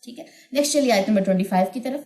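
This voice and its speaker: A woman teaches Quran recitation in a patient, explaining way, now and then chanting verses slowly and melodically. Her voice sits fairly high. The room around her adds a clear echo. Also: warm tone. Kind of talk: tajweed lesson with chanted recitation.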